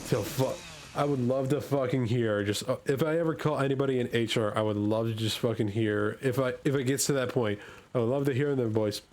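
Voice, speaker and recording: A man's voice: medium pitch, fairly quick, darkish tone. A man telling a story in casual chat, rambling, laughing often and swearing freely. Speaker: streamer. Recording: faint background noise.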